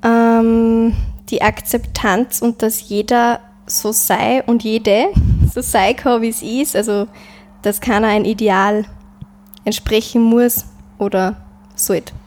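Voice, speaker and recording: Austrian woman from Upper Austria, musician guest, light higher pitch, reflective and unhurried. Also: level tone, darkish tone. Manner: thoughtful, searching for words. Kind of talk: casual interview chat.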